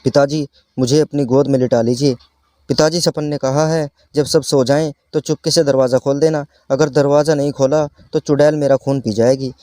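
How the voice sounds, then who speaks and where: A man's voice: medium pitch, fairly even intonation, moderate pace, dark tone, no echo, studio quality, close to an everyday voice. A man voicing a frightened, feverish young girl who pleads with her parents, in a storybook reading. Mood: frightened pleading. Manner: pleading, fearful.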